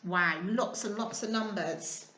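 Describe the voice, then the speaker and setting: In an echoing room, a woman who tells stories to children reads a picture book aloud with expression and asks the kids simple questions. Her medium-pitched voice is a bit bright and measured in pace.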